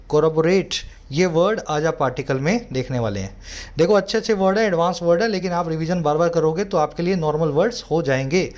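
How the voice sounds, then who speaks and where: High-voiced Indian tutor teaching words. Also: male voice, a little mellow. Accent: Indian English. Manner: explains each word slowly and reads example sentences in a measured way. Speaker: English tutor. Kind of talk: vocabulary lesson.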